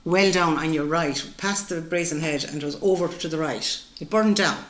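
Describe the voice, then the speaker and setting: A traditional musician in her sixties from County Mayo, in the west of Ireland, reminisces as an interview guest, telling stories in a colloquial, emphatic way. She speaks at a moderate pace in a low voice, and the room is echoey with clear background noise.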